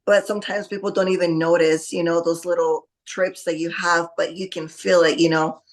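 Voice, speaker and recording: Laughing easily and hesitating with plenty of fillers, a woman from Costa Rica who competes in bodybuilding talks casually as a podcast interview guest. She has a lowish voice that barely moves in pitch, at a moderate pace.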